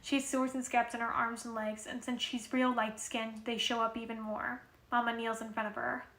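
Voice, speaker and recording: A woman's voice: a little high, level tone, normal speed, fairly bright tone. A woman reading a novel aloud in a casual way, with occasional restarts. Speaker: reader. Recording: roomy echo.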